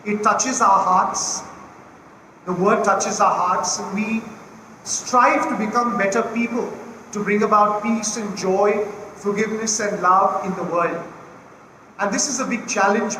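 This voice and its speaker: A high-pitched priest speaks slowly and deliberately through the liturgy and homily. His voice rings out in a cathedral echo with a long, roomy reverb tail. A faint hiss sits underneath. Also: bright, forceful tone. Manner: slow, measured liturgical delivery. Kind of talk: celebrating Mass, Gospel reading and homily. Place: large church.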